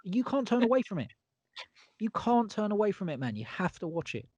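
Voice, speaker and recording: A man's voice: high-pitched, big pitch swings, brisk, a little mellow, no echo, muffled recording. Enthusiastic man chatting on a podcast. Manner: enthusiastic, emphatic, repeats himself. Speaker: podcast co-host. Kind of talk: casual horror podcast chat.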